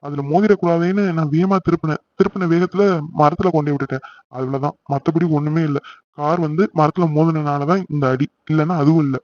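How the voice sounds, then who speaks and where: A man voicing an injured young husband who reassures his family and brushes off their worry, in an amateur animated serial. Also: on the high side, fast, dull audio, lightly acted. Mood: explaining.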